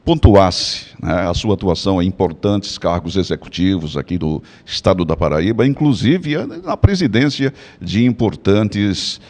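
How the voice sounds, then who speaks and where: A man's voice: low-pitched, animated, moderate pace, hardly any pauses, a little mellow, big-room sound. A man hosting a TV debate show, opening the segment and asking his guest a formal, courteous question.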